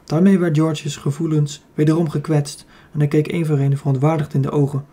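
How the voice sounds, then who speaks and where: Male Dutch audiobook narrator, mellow and slightly husky, even measured reading with small slips. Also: a little high. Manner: steady reading with occasional slips and self-corrections. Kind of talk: scripted narration of a children's fantasy book.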